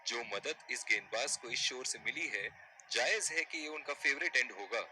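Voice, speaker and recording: A man's voice: mid-range voice, normal speed, pushed and bright, a little hiss or hum, rough recording. A man voicing an analytical, admiring cricket commentator in a scripted sports video game.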